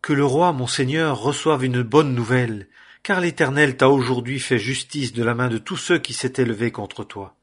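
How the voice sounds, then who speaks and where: A runner bearing news addresses his king in a formal, deferential way, as a male reader voices him. The voice is husky and breathy, read aloud from scripture. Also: mid-range voice, moderate pace, natural voice.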